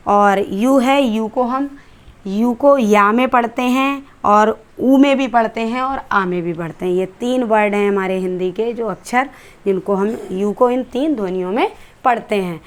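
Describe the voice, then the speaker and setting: A woman English teacher with an Indian accent, explaining letter sounds step by step in a classroom-style lesson and asking rhetorical questions as she goes. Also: a little high.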